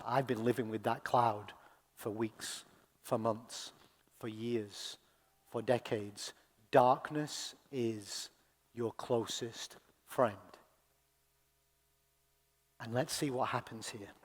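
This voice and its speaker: A male pastor giving a sermon. He speaks slowly and deliberately, dropping to a hush and then rising to loud, impassioned cries. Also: medium pitch, steady tone. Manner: dramatic swings from hushed to loud crying out; slow, deliberate delivery with long pauses. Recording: long hall reverb.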